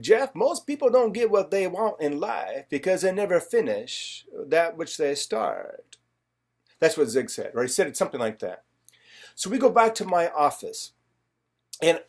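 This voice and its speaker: A middle-aged man telling a friend stories from their past in a personal video message, acting out what people said along the way. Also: a little high. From California. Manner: warm storytelling, reminiscing, acts out quoted lines. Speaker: financial advisor.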